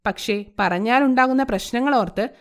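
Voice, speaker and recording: A woman narrating a moral story in an expressive storytelling style. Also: on the high side, fairly quick.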